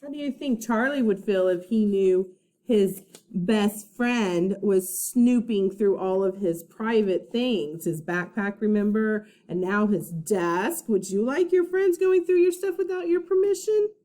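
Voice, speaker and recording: A first-grade teacher, a woman, reads a children's storybook aloud with dramatic emphasis, pausing to ask her young listeners questions. Her voice is mid-range and mellow.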